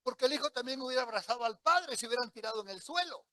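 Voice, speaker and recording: A middle-aged male preacher with a strikingly high, bright, forceful voice. He preaches through a personal testimony, telling it vividly and acting out the lines people spoke. The sound is close and dry. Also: animated, rapid-fire, no room sound. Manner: vivid storytelling, acts out what people said.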